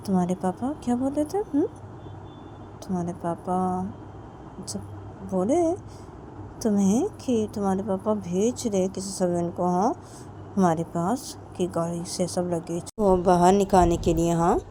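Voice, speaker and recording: A woman voicing a playful, clingy young woman who teases and keeps prodding with soft questions. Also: mid-range voice, slight background noise, lightly acted. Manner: teasing, keeps asking "hmm?".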